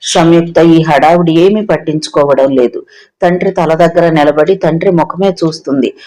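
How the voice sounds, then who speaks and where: A man narrating a novel as an audiobook, reading in a steady, even storybook manner. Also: fairly high pitch, moderate pace, rough recording.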